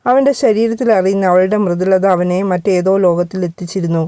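Mellow woman reading a storybook. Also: lowish voice, fairly quick, dry recording, clean studio sound. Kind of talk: scripted storybook narration.

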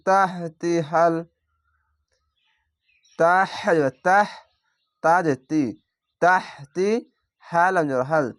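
Slow, syllable-spelling male Quran teacher. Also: a little high, fairly bright tone, dry recording, clean studio sound. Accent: Bangladeshi Bengali. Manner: slow, drawn-out syllable-by-syllable spelling with recited words. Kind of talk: spelling-out Quran recitation lesson.

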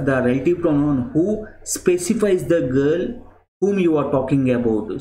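Keyboard clicks and typing sound behind a young man whose voice sits on the high side and is mellow as he slowly teaches English grammar over screen share. He repeats himself often and calls the viewers "friends," and his small indoor room sounds echoey with clear background noise.

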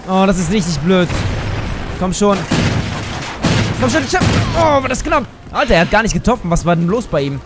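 A man giving live commentary on a shooter game, excitable, exclaiming and cursing as he plays. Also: sits high. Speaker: gaming YouTuber. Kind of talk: live let's play commentary.

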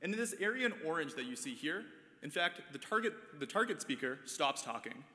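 A man's voice: a little high, very animated, a little fast, bright, forceful tone. Man walking through charts in an echoing hall. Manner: explains figures step by step, light filler words. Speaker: conference presenter. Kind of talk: prepared research talk.

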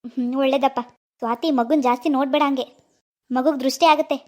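Cartoon grandpa type, woman's voice: gentle, fatherly, quick. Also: high-pitched, steady tone, pitched above the performer's own voice, lightly acted. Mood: advising. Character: older father, kindly and superstitious.

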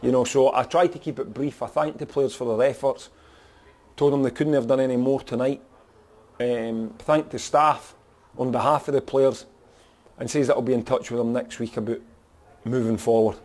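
Dark-voiced Scottish football manager. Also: male voice, medium pitch, steady tone, normal speed. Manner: frank, plain-spoken, peppered with "you know". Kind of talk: post-match interview.

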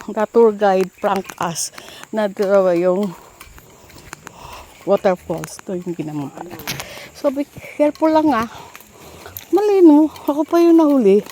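A woman's voice: mid-range voice, lively intonation, a little slow, pauses often, mellow, a little hiss or hum. A woman narrating a casual hiking vlog, out of breath, chatty and full of exclamations, mixing English into her talk. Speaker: vlogger. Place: outdoors on a forest trail by a waterfall.

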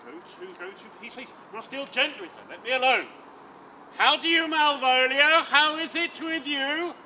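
A man on an open-air stage playing a boisterous, scheming old knight who talks in a loud, swaggering, theatrical way. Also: sits high, animated, fast talker, exaggerated voice. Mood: coaxing. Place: outdoor stage. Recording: outdoor recording with traffic noise.

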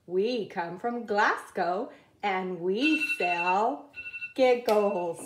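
Slow, careful woman reading aloud. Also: mid-range voice, roomy sound. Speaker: reader. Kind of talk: reading a picture book aloud. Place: indoors at a wooden table.

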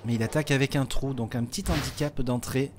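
A man's voice: mid-range voice, fairly even intonation, quick pace, background noise. A man giving live bowling commentary, chatty and explanatory, with many small fillers. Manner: chatty, explanatory, with frequent hein and euh fillers.

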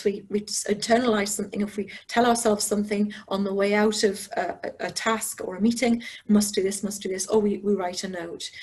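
A woman's voice: mid-range voice, darkish tone, husky. A woman, an educational psychologist giving a teacher training webinar, talking conversationally and thinking aloud with frequent ums and restarts.

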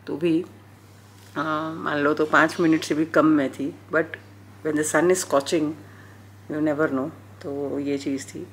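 A woman in her forties vlogs from her home into a handheld phone. She talks in a rambling, chatty way. Her voice is a little low for a woman, with faint background noise. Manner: chatty, thinking aloud, many fillers. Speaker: vlogger. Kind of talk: casual vlog talk. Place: home interior. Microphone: phone camera at arm's length.

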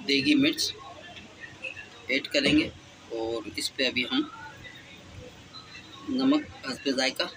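A man's voice: medium pitch, big pitch swings, slow, gravelly, long pauses, noisy background. A man hosting a home cooking channel, talking through each step of a recipe in a casual, chatty way with frequent filler phrases.

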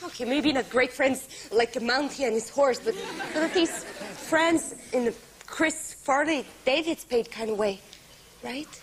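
A young woman playing a perky, chatty, excitable teenage girl in a TV sitcom, bubbly and rambling. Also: high voice, unhurried, a faint crowd. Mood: placating. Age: young adult. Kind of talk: broad teen sitcom acting. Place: studio fast-food kitchen set. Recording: noisy old TV sitcom recording. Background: studio audience.

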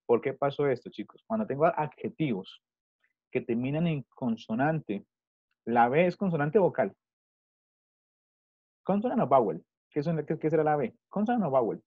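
Over a video call, a man teaches children an online English class in Spanish, patiently asking the same question again and again. His husky, middle-pitched voice sounds dull, slightly muffled, and very dry and close. His intonation is lively, his speed normal, and he pauses often.

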